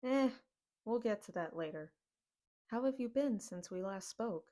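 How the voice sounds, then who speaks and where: A woman's voice: mid-range voice, animated, measured pace, dark tone, lightly acted. A woman voicing a fatherly older male alien saloon owner who fusses and scolds, calling the others kid. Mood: scolding.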